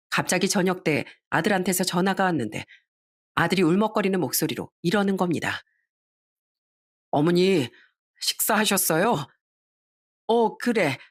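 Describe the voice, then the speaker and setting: An older woman narrating a personal family story in a confiding, storytelling way. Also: fairly low pitch.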